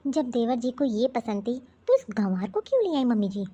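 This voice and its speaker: Sly scheming sister-in-law, cartoon, high voice. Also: female voice, very animated, normal speed, mellow, breathy edge, muffled recording. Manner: sly muttered asides. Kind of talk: animated cartoon dubbing.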